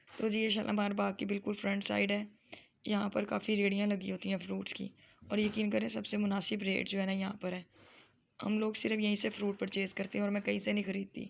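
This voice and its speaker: A woman with a Lahori Punjabi accent gives a chatty, homely voice-over for her family vlog. Her pitch stays almost perfectly level, and her voice has a gravelly, creaky edge. She drifts into Punjabi phrases as she goes. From Lahore, Pakistan. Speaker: family vlogger and mother. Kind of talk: casual vlog voice-over narration.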